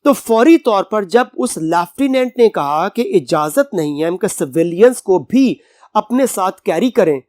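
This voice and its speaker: A male college English teacher with a Pakistani Urdu accent reads a passage aloud word by word at a slow, unhurried pace. He pauses often to give synonyms and explain each line in Urdu. The sound is dry and close, with no room echo. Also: high voice, expressive, a little mellow. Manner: gives synonyms and everyday examples.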